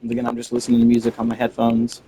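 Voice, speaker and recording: Racing along in a monotone, this man has a mellow, medium-pitched voice captured in a low-quality recording with soft background music. It's casual game-stream chatter, full of rambling, self-interruptions and mildly exasperated slang grumbles.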